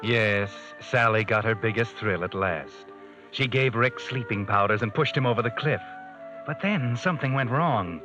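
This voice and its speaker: An actor playing a sardonic, ominous narrator of murder tales in a theatrical 1940s radio mystery style. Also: male voice, mid-range voice, normal speed, natural voice. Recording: dull vintage 1940s radio, music behind.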